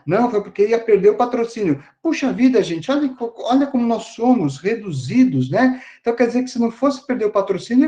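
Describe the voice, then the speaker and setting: Professor over a muffled online call, mellow tone, talks casually, lots of fillers and tag questions. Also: male voice, high-pitched. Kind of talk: online class lecture.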